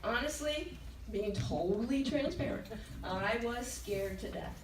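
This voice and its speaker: At a sales training event, an older woman gives a personal testimony in a large meeting room, her voice on the high side, expressive, and a little slow. She tells her story emotionally and candidly, laughing along the way, picked up by a distant mic in an echoey hall with background noise.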